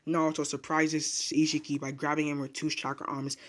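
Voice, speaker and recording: A man's voice: fairly high pitch, level tone, a little fast. A man casually retelling a manga chapter as a reviewer, rambling with filler words and restarts.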